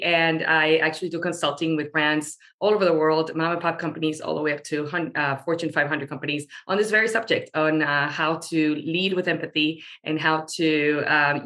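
A woman's voice: sits low, fairly even intonation, a little fast, few pauses, a bit bright. A woman from Venezuela, a guest on a podcast interview, talking eagerly with plenty of fillers. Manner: eager, talkative, with frequent fillers. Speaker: guest, marketing storyteller.

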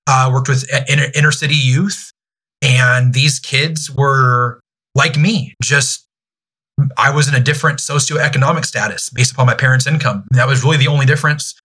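A man in his thirties, a youth ministry director, speaking candidly as a podcast guest, pausing and restarting often. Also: medium pitch, steady tone, bright, forceful tone, breathy edge. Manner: halting, many restarts and fillers.

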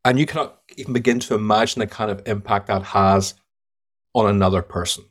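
The guest on this podcast interview is a sales trainer with an Irish accent who tells stories with emphasis and gives blunt verdicts. His lowish voice keeps a steady tone and moves a little fast.

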